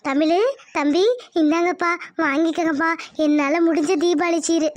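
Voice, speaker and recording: A woman's voice: very high-pitched, fairly even intonation, moderate pace, no echo. A woman voicing an anxious, tender village mother in a cartoon. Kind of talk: cartoon voice acting.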